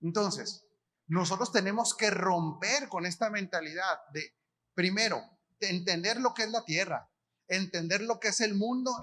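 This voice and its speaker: A man with a Mexican accent preaching at a conference, his voice high and bright. He speaks colloquially and keeps putting questions to the crowd and answering them himself. The delivery is sharp and lively. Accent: Mexican Spanish. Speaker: apostle preaching. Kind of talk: conference sermon.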